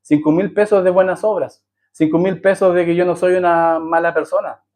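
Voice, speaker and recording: A man's voice: sits high, flat delivery, moderate pace, darkish tone. A man preaching a sermon as a pastor, telling a story, acting out the voices in it and putting questions to the congregation. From Chile. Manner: asks the congregation rhetorical questions.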